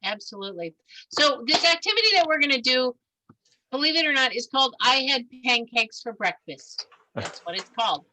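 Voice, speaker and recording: A woman's voice: high-pitched, sing-song, normal speed, pushed and bright, slight background noise, low-quality recording. A woman leading an improv workshop over a video call. She is encouraging and upbeat, and she laughs often. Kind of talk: leading a group exercise.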